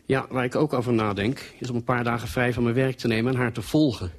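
A man's voice: medium pitch, flat delivery, quick pace, close to an everyday voice. A man doing an earnest, suspicious husband. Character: anxious middle-aged husband, earnest and suspicious. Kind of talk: storytelling reading.

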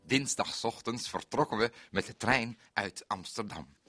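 A man's voice: medium pitch, a little slow, sharp tone, faint music behind. An actor playing a naive, bumbling male forest ranger in a radio comedy monologue, with fussy, odd exclamations. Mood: cheerful. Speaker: comic storyteller.

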